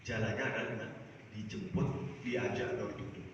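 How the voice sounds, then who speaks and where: A man from Jakarta giving a dawn sermon in a small prayer house, asking the congregation questions and answering them himself, rising loud on key words and dropping low at line ends. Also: steady tone, moderate pace. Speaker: preacher. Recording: echoey, distant, dull sound with faint noise.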